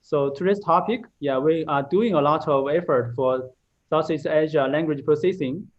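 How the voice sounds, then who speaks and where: Male industry panelist, fairly high voice, halting non-fluent phrasing, slightly dull recording. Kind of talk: self-introduction at a panel.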